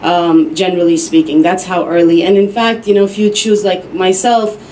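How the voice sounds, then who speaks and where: A woman giving a measured, explanatory talk as a speaker at an academic roundtable. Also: fairly low pitch, flat delivery, a little mellow, slight background noise, low-quality recording. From United States. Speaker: panel speaker.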